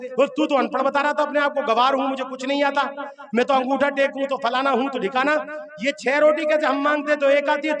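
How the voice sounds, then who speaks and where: Preacher, man, very high voice, animated storyteller at a live gathering. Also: distant mic. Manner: animated, acts out characters, banters with audience. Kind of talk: sermon storytelling to a crowd. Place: large gathering. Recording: loud live crowd recording. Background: crowd.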